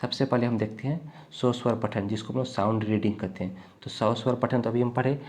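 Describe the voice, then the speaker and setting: A man's voice: mid-range voice, fairly even intonation, a little mellow. Unwell male teacher, patient and repetitive exam-prep delivery. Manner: repetitive, explains slowly with frequent "thik hai" checks. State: unwell, coughing.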